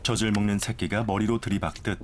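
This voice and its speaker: A man narrating a nature documentary from a script in a measured, formal way. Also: on the low side, fairly even intonation, a little hiss or hum.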